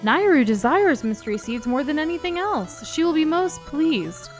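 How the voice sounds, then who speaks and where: A woman's voice: high-pitched, sing-song, normal speed, faint music behind, pitched above the performer's own voice. A woman voicing a haughty, grand queen's court from a video game, reading the dialogue aloud in character. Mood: imperious.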